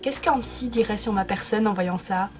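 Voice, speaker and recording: A woman's voice: medium pitch, normal speed, faint music behind. A young woman chatting casually in a vlog from her bedroom, playful and self-mocking. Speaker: YouTuber.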